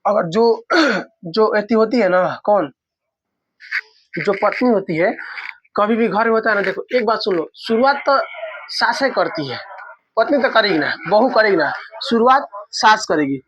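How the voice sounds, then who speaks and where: High-voiced man explaining a story. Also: lively intonation, measured pace, pauses often, fairly bright tone, muffled recording. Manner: repetitive, asks the class questions, dialect words. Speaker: teacher. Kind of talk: retelling and explaining a story in class.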